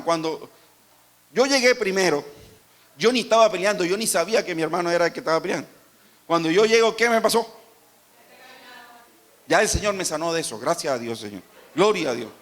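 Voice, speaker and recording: A man's voice: high voice, lively intonation, normal speed, long pauses, a bit bright. A man with a Colombian Caribbean Spanish accent, preaching a sermon as pastor and asking the congregation questions.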